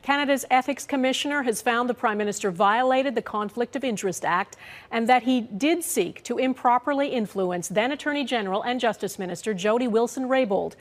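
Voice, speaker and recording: Woman newsreader, fairly high pitch, reverberant recording. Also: a little fast, faint music behind. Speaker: news presenter. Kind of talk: broadcast news reading.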